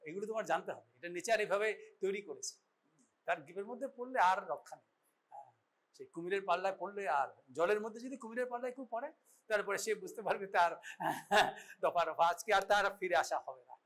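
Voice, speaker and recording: Fast-talking male lecturer. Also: high-pitched, animated, fairly bright tone. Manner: instructive, checks understanding often, many restarts and fillers. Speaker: medical college lecturer. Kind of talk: classroom lecture, demonstrating an exam.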